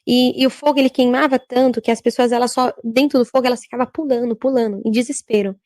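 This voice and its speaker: A woman, a church worker giving a religious testimony in a halting, repetitive way. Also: on the high side, steady tone, darkish tone, no echo. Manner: halting, repetitive, frequent filler tags.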